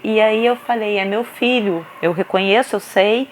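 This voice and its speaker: A woman's voice: medium pitch, normal speed, slight background noise. A woman in her thirties with a Brazilian Portuguese accent, a mother earnestly telling her own story to the camera, restarting often. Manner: earnest, animated, many restarts and repeated fillers. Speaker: vlogger mother sharing her experience.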